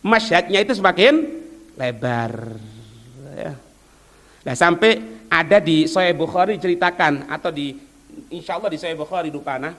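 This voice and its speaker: A man's voice: on the high side, lively intonation, moderate pace, long pauses, a bit bright. A man with an East Javanese accent preaching a religious lecture, asking rhetorical questions and answering them himself, moving between formal speech and local talk. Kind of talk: religious lecture mixing stories and teaching. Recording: long hall reverb.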